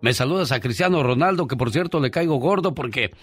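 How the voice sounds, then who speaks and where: Hosting a radio show, a man with a Mexican accent jokes and teases while reading listener messages, an animated storyteller doing comic banter. His voice is mid-range and quick, with soft music playing in the background.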